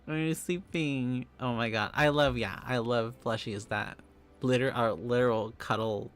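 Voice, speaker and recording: A man's voice: medium pitch, fairly even intonation, a little slow. A young man streaming live, chatting casually with viewers, giggling often and rambling through restarts.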